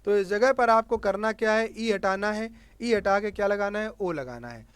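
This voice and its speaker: A man's voice: sits high, little pitch movement, normal speed, clean tone, no echo. A male chemistry teacher with a Hindi accent teaches a class, asking questions and answering them himself. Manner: repeats key words as questions to the class. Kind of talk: board lesson for students.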